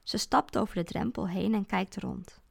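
A woman reading a first-person story aloud, expressive with a deadpan sense of humour. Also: medium pitch, moderate pace, creaky, slightly rough.

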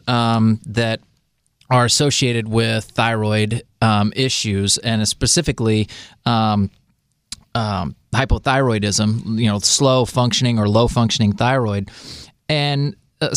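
A man's voice: mid-range voice, no echo, clean studio sound. Chatty male health show co-host. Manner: chatty, emphatic, lots of fillers. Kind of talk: casual health talk.

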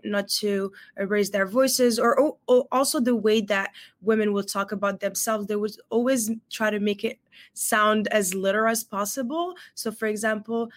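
A young woman from Morocco, guest on a podcast interview, talking earnestly as an empowerment coach with frequent pauses. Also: medium pitch. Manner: earnest, fluent, frequent "uh" fillers.

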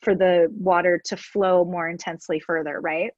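A woman's voice: lowish voice, level tone, moderate pace, darkish tone, no room sound. Woman, stuffed-up nose, casual breathing instructor, filler-heavy, dull dry sound. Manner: chatty, lots of "like" fillers, explains step by step. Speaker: yoga teacher guest.

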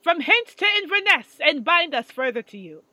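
A woman's voice: high voice, sing-song, moderate pace, sharp tone, dry recording, heavily acted. A woman playing a magnanimous king in a Shakespearean drama, with a grand, declamatory manner. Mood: regal, proclaiming. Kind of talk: dramatic Shakespearean verse acting.

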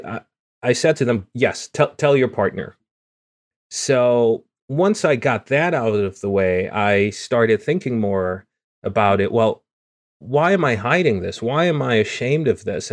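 A man from Guyana talking openly and earnestly about personal struggles in a casual podcast conversation, often restarting his words. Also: medium pitch. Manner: earnest and open, with frequent restarts. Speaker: podcast co-host.

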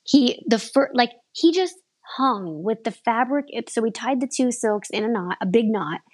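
A woman's voice: on the high side, lively intonation, moderate pace, slightly rough. A woman in her thirties, an aerial performer, chatting casually in an interview. She rambles and often restarts her sentences.

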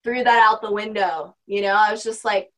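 A young woman chats casually as a guest on a podcast, a spiritual practitioner who rambles and leans heavily on "like" and "you know." Her medium-pitched voice stays fairly even and moves a little fast over a low-quality recording.

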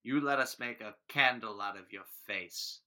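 Deadpan man with a bright, forceful voice. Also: lowish voice, moderate pace. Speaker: improv performer. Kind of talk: improv comedy scene.

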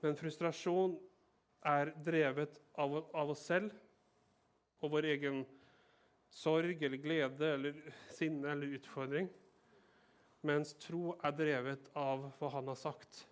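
Male pastor, slightly higher voice, reads scripture then explains it in a conversational tone and checks in with listeners. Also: fairly even intonation, long pauses, clean tone. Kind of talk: sermon with scripture reading.

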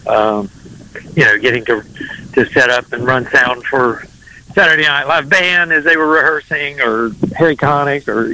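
Halting middle-aged man. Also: medium pitch, bright, forceful tone, slight background noise, low-quality recording. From North Carolina. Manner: rambling, hesitant, halting. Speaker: singer-songwriter, interview guest. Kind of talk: casual interview storytelling.

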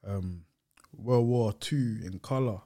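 A man's voice: on the low side, slow pace, mellow. A man with a London roadman accent talks as a guest in a casual chat. His speech is thick with street slang and a little hesitant, with thoughts that often trail off. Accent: London roadman, urban slang. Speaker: podcast guest.

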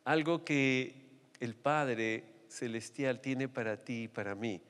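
A man with a Peruvian accent preaching a sermon, telling stories with lively, sudden leaps in pitch. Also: slow pace, clean tone, big-room sound. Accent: Peruvian Spanish. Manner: animated storytelling with sudden pitch jumps. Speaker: pastor.

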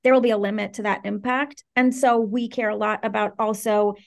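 A woman in her thirties, raised between Venezuela and the Washington DC area, speaking as an interview guest in an articulate, earnest and animated way. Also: mid-range voice, a little fast, gravelly. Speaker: guest, startup co-founder. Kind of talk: interview conversation.

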